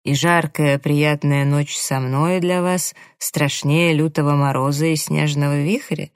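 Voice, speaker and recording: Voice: mid-range voice, fairly even intonation, clear, resonant tone, dry recording, clean studio sound, lightly acted. A reader voicing a coaxing, condescending man. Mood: mocking. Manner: coaxing, slow, smirking. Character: male employer, smooth seducer, condescending. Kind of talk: audiobook character reading.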